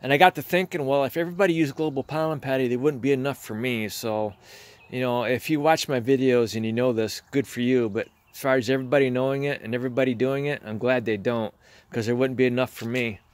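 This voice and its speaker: Working his hives in a garage, a man narrates on a handheld phone in a plainspoken, chatty way, explaining as he demonstrates. He's a fast talker with a mid-range voice and a steady tone.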